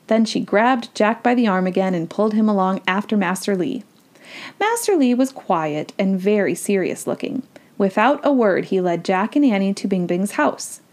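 Lively woman reading a storybook aloud. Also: mid-range voice, normal speed. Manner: chatty, playful asides between reading. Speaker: children's book reader.

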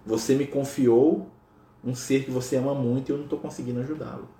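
A man voicing a humble, frail friar who pleads slowly and softly. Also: mid-range voice, steady tone, roomy sound, natural voice. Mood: pleading. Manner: slow, soft, pleading.

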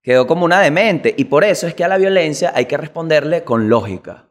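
A man with a Venezuelan accent hosting a comedic news monologue, animated and slangy, swearing and jumping into quick impressions. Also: on the high side. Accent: Venezuelan Spanish. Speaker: comedy show host.

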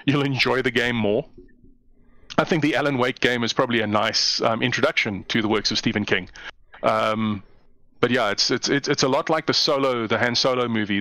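A man's voice: mid-range voice, no room sound. A South African man, a comedian guest chatting casually and telling stories with lots of animation and laughter. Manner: animated storyteller, jumps into mock voices, laughs often. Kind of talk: casual chat.

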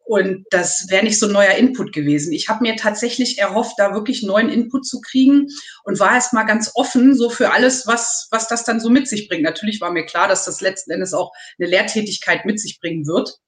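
A woman in her thirties, a nursing student, talking hesitantly and at length in a casual interview over a call. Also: medium pitch. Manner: rambling, hesitant with many pauses. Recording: echoey room.

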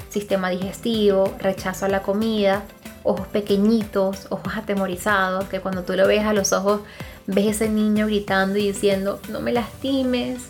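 An emphatic woman hosts a self-help podcast monologue, speaking straight to her listeners. She repeats herself for weight, in a voice of ordinary pitch. Faint music plays quietly beneath her. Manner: emphatic, repetitive, addresses listeners directly. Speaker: podcast host.

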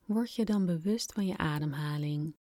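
A woman softly and soothingly guiding a breathing exercise in calm, unhurried scripted instructions, slightly breathy at times. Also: low voice, no echo, clean studio sound. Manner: soft, soothing, unhurried instruction with long pauses. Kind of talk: guided relaxation exercise, scripted narration.

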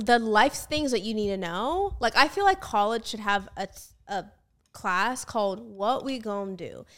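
A woman's voice: a little high, a bit bright. Chatty young woman podcast host. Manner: chatty, laughs often, lots of "like". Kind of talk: casual chat.

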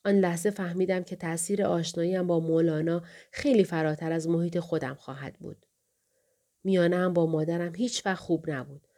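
Calm woman narrating an audiobook. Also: on the low side. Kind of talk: scripted narration.

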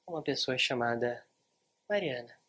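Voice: mid-range voice, normal speed, fairly bright tone. A literature teacher with a Brazilian accent retells a novel in a chatty, informal online lesson and talks straight to the viewers. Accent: Brazilian Portuguese.

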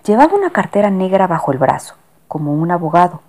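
A woman narrating a children's storybook with a lively, expressive manner. Her pitch is animated and moves a lot. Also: fast talker.

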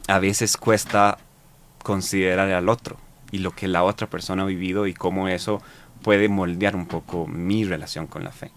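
A man with a Costa Rican accent answering interview questions in a reflective, halting way, with many fillers and repeated words. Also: deep voice, steady tone. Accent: Costa Rican Spanish. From Costa Rica. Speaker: interview guest.

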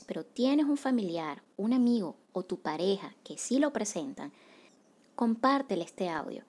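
A woman hosting a wellness podcast as a psychocorporal facilitator, reading a scripted monologue in a calm, measured, soft-spoken way. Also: medium pitch.

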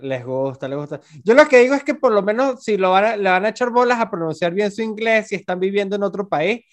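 A man's voice: high voice, animated, fast talker. A man with a Venezuelan Spanish accent, a guest on a podcast, chatting casually and agreeing often. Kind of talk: casual chat.

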